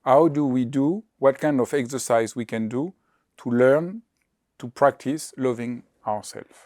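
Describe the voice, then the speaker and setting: A man hosts an interview, asking questions in halting, hesitant English full of restarts. His voice sits in an ordinary middle pitch. The sound is close and dry, with no room echo. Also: a little mellow. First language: French. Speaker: host.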